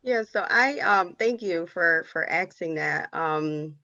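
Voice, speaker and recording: A woman's voice: lowish voice, expressive, slow pace, sharp tone, no room sound, lo-fi sound. A woman clinician speaking on a video-call panel, candid and openly emotional. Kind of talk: panel discussion.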